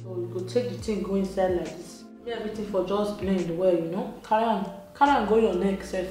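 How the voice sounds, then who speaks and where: A young Nigerian woman from Edo with a chatty, laughing manner walks through a casual makeup tutorial, slipping into Pidgin English. Her voice sits at a middle pitch for a woman and rings around a very echoey room, with soft music playing faintly behind her. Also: brisk. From Nigeria, Benin City, Edo State. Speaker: beauty vlogger.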